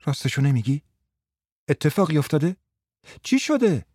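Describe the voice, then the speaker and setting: Guy doing a jittery young wife in a storybook, pitch jumping up high, dry close sound. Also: big pitch swings, darkish tone, breathy edge, no room sound. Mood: anxious, pleading. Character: agitated young wife, teasing then fearful.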